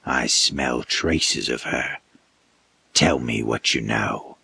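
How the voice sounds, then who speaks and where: A man voicing a towering, inhuman male creature who threatens slowly in a low, dark voice. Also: creaky, slight background noise, full character voice. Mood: menacing. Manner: slow, low, threatening growl. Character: towering male monster, menacing interrogator.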